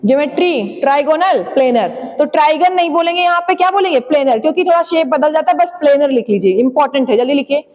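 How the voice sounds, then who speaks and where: A woman with a high, slightly mellow voice teaches chemistry, questioning her students, answering her own questions and dictating the main points. She urges quick writing and spells key terms slowly for dictation. The lecture is recorded with a long hall reverb.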